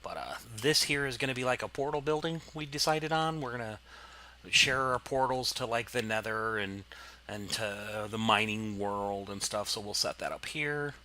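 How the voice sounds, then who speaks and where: A man's voice: fairly low pitch, normal speed, bright, forceful tone. A man casually commenting on his gameplay, rambling and explaining as he goes, with plenty of fillers. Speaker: let's play host.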